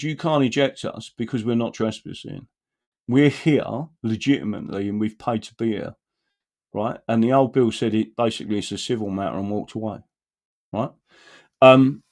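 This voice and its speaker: A man's voice: medium pitch, darkish tone. A man giving informal, emphatic commentary on a video, often checking in with "right?". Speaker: commentator presenting a clip.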